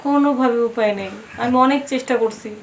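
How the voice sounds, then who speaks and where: A woman's voice: fairly high pitch, fast, lightly acted. An actress playing a worried village wife in debt, pleading politely with her lender. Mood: anxious. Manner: pleading, polite, addresses him as brother. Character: indebted village wife, anxious then defiant. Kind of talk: TV drama acting. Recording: distant mic with faint noise.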